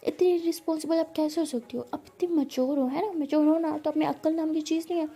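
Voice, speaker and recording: A woman's voice: high voice, fairly even intonation, brisk, husky. A woman voicing an anxious, hot-tempered young woman student who scolds the one she loves. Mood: angry scolding. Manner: scolding, worried, loud outbursts.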